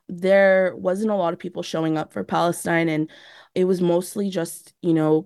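Young woman guest, low gravelly voice, earnest activist talk, dry recording. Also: darkish tone, dry recording. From San Diego, USA. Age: young adult. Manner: earnest, frequent "you know" and "like". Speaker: youth organizer guest. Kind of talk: radio interview.

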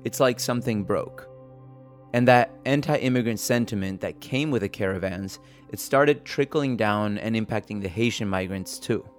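A podcast host and reporter with a lowish voice delivers scripted narration at a normal pace. A music bed plays underneath as he reports and hosts.

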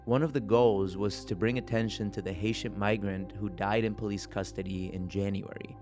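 A man reporting and hosting, telling a documentary story in a steady, earnest way. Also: lowish voice, normal speed, soft background music. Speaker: podcast reporter and host. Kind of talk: documentary podcast narration.

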